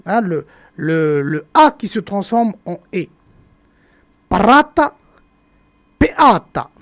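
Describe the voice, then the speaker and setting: A speaker from the Marquesas Islands, explaining how words changed in a deliberate broadcast talk that pauses often to search for words and repeats example words. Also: medium pitch, a little mellow. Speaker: language presenter on a broadcast.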